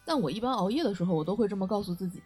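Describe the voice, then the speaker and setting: A woman's voice: medium pitch, lively intonation, rapid-fire, warm tone, slightly rough, faint music behind. A woman co-hosting a casual chat about internet slang. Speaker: podcast co-host.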